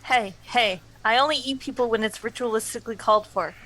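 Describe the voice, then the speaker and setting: A woman's voice: on the high side, a little fast, bright, forceful tone, low-quality recording. A woman chatting casually as a player in a tabletop game, with a dry, joking manner.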